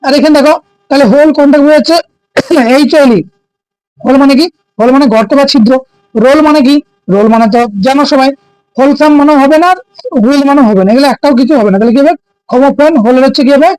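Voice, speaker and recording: Male teacher, high voice, dry close sound, keeps checking students follow. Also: fast talker, pauses often, a little mellow, no echo, rough recording. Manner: keeps asking students "ঠিক আছে?"; explains by asking and answering his own questions. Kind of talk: exam-prep lesson.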